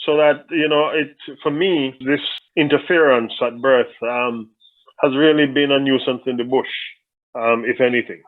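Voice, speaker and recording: A man's voice: mid-range voice, fairly even intonation, moderate pace. A man from Jamaica, answering interview questions thoughtfully and often restarting his sentences. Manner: thoughtful, with frequent restarts and repeated words. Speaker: interview guest. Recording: tinny phone-line audio.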